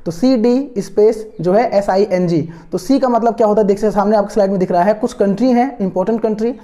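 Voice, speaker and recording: A male tutor talks students through memory tricks for an exam-prep lesson, circling back to repeat each key word. His voice is soft and mellow, with no edge to it. He fills gaps with hesitant fillers and keeps gently coaxing students to follow along. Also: sits high, fast. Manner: coaxing and encouraging toward students. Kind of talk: online lesson explaining memory tricks from slides.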